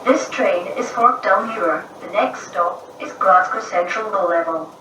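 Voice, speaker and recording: A woman's voice: medium pitch, noisy background. Woman's announcement over a train intercom. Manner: even, measured, formal. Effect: played over the train's intercom. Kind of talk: recorded station announcements. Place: inside a moving train carriage. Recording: echoey onboard speaker heard from a distance.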